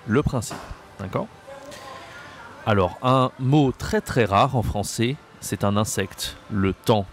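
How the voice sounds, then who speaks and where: A man teaching a video lesson on pronunciation, slow and patient, repeating words and checking that the listener follows. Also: lowish voice. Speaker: French teacher. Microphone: camera mic.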